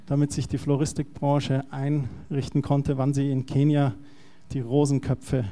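A man's voice: medium pitch, monotone, a little slow, warm tone. A male pastor giving a conversational, explanatory sermon.

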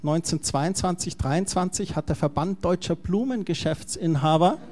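A man's voice: high-pitched, moderate pace, darkish tone. A male pastor giving a conversational, explanatory sermon.

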